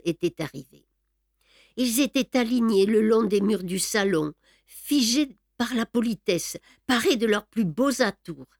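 A woman narrating an audiobook at a measured pace with a wry, understated delivery. Her voice sits in an ordinary middle pitch. The recording is dry and close, with no room sound. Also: no room sound.

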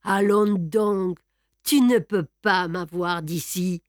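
Lupin, a woman doing a swaggering gentleman thief. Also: on the low side, steady tone, slow, no echo, studio quality. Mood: mocking. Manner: grandiose, boastful, then hushed and tender. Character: suave proud male gentleman thief. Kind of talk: audiobook reading.

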